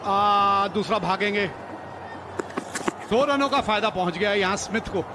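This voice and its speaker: Excited, high-pitched male cricket commentator. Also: measured pace. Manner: exclamatory, shouting on big shots. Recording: loud stadium crowd and music behind. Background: crowd noise and music.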